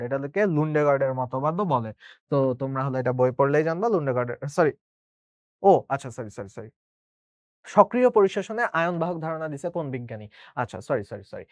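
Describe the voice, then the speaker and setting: A young man teaching an exam prep lesson in a fast, chatty way, often correcting himself. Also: on the high side, no room sound.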